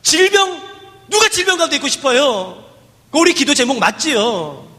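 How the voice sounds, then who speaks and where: A man's voice: very high voice, big pitch swings, moderate pace, sharp tone, in a large hall. A man preaching a sermon, telling a story with acted dialogue and dramatic rises and falls.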